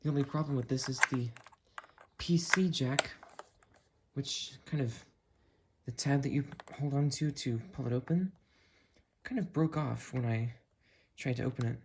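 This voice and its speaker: The host of a gadget review video talks casually and chattily while handling the item in a hands-on product review. The voice is medium in pitch and unhurried. It's a noisy home recording made indoors in a room at home, with clicks and handling sounds.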